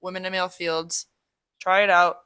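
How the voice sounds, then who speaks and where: A woman's voice: fairly low pitch, level tone, normal speed, pushed and bright, clear, resonant tone, no room sound. A young woman in her twenties co-hosting a podcast, chatting casually and bluntly with frequent swearing. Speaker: podcast co-host. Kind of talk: casual chat.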